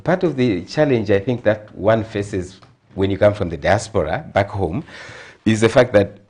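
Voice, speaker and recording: Earnest middle-aged Zambian man, low-voiced. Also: normal speed. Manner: earnest, grows emphatic and animated. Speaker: guest consultant. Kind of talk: TV interview.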